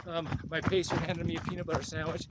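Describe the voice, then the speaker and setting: A man's voice: fairly high pitch, little pitch movement, fast. A man guesting on a podcast, talking casually with many ums and you-knows. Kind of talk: casual conversational advice. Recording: noticeable background noise.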